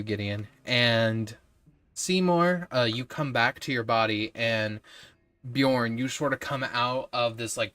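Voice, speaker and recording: A male game master narrates a tabletop game in an easygoing, descriptive manner. His voice sits at a middling pitch and is relaxed and conversational. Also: no echo.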